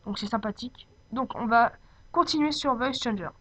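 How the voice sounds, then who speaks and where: A woman giving an informal, unscripted software tutorial, speaking hesitantly as she searches for her words. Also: fairly high pitch, normal speed. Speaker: tutorial presenter. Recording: dull lo-fi home microphone.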